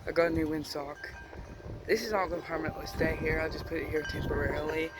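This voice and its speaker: A man's voice: on the high side, steady tone, fast talker. A man chatting casually in a vlog, talking outdoors with the wind in his face. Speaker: amateur weather vlogger. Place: outdoors on a windy porch. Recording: very loud wind noise outdoors. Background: loud wind, wind chimes.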